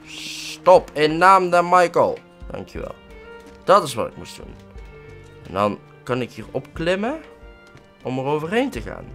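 A man with a Dutch accent doing excitable let's-play commentary, swearing and yelping at every mishap. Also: medium pitch. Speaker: gaming let's-play host.

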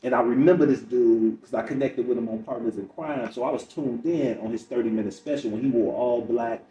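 A middle-aged comedian from Chicago, appearing as a podcast guest, tells stories conversationally and acts out the dialogue along the way. His medium-pitched voice is brisk and warm, captured by a roomy, distant mic with faint noise.

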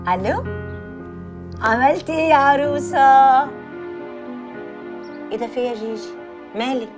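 An actress with an Egyptian accent playing a young woman calming her best friend over the phone. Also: high-pitched, unhurried, music in the background. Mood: soothing. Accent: Egyptian Arabic. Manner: soothing, juggling two phone calls. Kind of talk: Egyptian TV drama acting.

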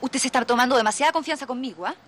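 A sharp-tongued household woman. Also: high voice, rapid-fire. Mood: indignant. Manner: curt, scolding. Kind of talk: telenovela acting.

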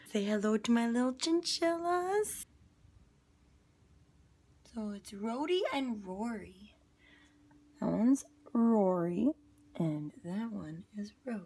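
A woman's voice: a little high, creaky, fairly bright tone, slightly rough. Chatty young woman vlogging by phone. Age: young adult. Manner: chatty, rushed, drops into whispers. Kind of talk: casual vlog chat. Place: home bedroom, indoors. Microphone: phone at arm's length.

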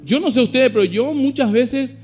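A middle-aged Paraguayan pastor with a strikingly high voice preaches with emphasis. His words ring out with a long church reverb, and a guitar plays softly behind him. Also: normal speed. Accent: Paraguayan Spanish. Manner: emphatic preaching, reads scripture aloud and addresses the congregation. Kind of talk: sermon. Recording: long hall reverb with faint guitar music.

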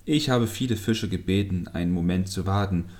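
A meek but stubborn magic fishing hook pleads with its master in a storybook tale, as a man reads it out. The voice is deep and low, and it sounds humble and begging. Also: normal speed, darkish tone, lightly acted. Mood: pleading.

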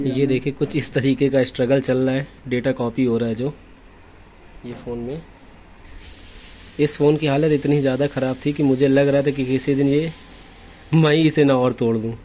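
A man's voice: medium pitch, mellow, a little hiss or hum, poor audio. A young man chatting casually in a vlog, recorded on a phone camera, laughing at himself now and then. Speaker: vlogger.

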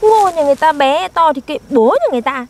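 A woman's voice: high-pitched, animated, fast talker, a little mellow, slight background noise. A young woman, performing in a scripted comedy skit and teasing and scolding her partner in an exaggerated way. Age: young adult. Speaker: comic actor.

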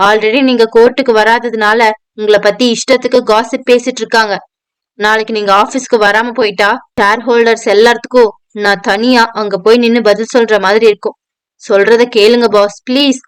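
A woman's voice: fairly high pitch, clean tone, dry recording, natural voice. A woman voicing a patient, weary young male assistant pleading with his drunk boss.

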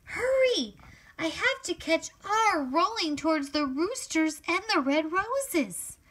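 Reading her own storybook to young children, a woman goes at a very slow, deliberate pace, her high, bright voice very animated, sing-song and exclamatory. Faint background noise can be heard.

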